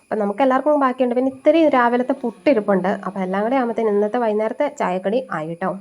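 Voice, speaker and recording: A woman's voice: on the high side, rapid-fire. A woman in her thirties with a slightly nasal, stuffy voice from a cold, chatting homely and step by step as she cooks for a vlog. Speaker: home cooking vlogger. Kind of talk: casual chat while cooking.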